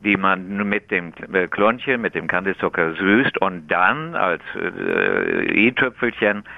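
A man's voice: sits low, big pitch swings, slow pace, gravelly, dry recording. A man, a tea taster and buyer, joins a radio interview by phone and explains things with enthusiasm and many fillers. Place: in Hamburg, on the phone. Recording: dull, muffled phone line.

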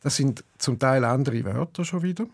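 A poet with a St. Gallen Swiss German accent, talking thoughtfully in an interview and hesitating often. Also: male voice, medium pitch, moderate pace, gravelly, dry recording, studio quality. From eastern Switzerland. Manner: rhythmic, chanting recitation when reading poems. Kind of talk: interview and poetry reading.

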